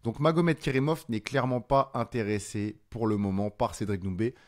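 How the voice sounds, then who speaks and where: A man hosting his own channel, explaining fight news in a casual, animated way with frequent fillers. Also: mid-range voice, moderate pace. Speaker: MMA channel host. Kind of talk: casual commentary to camera.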